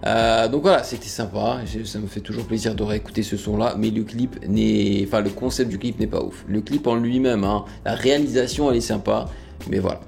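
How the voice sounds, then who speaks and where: A man's voice: lowish voice, fairly even intonation, a little fast, gravelly, a little mellow. A man in his late thirties hosting a music reaction, talking casually and frankly with lots of fillers and restarts. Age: late 30s. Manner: frank, rambling, many fillers.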